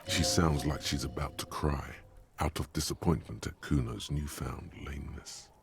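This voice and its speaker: A man voicing the solemn narrator of a detective's inner thoughts in a video game. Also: moderate pace. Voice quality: gravelly, breathy and deep.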